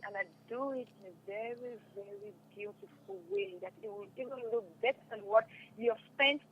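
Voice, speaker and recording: Her voice sits a little high and sounds expressive as she speaks fairly quickly. A young adult guest who performs in stage and radio drama, she answers the interviewer casually and restates phrases for emphasis, over dull audio with noticeable background noise.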